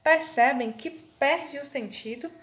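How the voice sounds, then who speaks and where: A woman teacher gives a recorded class to young children. She talks in a slightly high voice at an unhurried, deliberate pace, spelling out words and addressing the pupils fondly. The sound carries a noticeable room echo. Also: fairly bright tone. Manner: slow, careful, spells words letter by letter; affectionate toward pupils. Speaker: primary school teacher. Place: room with a board. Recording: echoey room.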